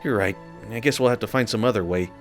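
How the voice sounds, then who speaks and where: A man voicing an earnest, gentle young boy hero, hesitant and sincere as he reads game dialogue aloud. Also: on the low side, quick pace, soft background music, close to an everyday voice. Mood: quiet.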